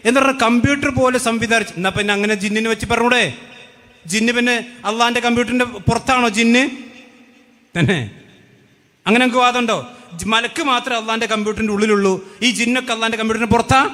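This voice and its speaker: A man's voice: extremely high pitch, steady tone, fast, long pauses, bright, forceful tone, big-room sound. A man giving a combative religious rebuttal, firing rhetorical questions. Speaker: religious debate speaker. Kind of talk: polemical religious rebuttal talk.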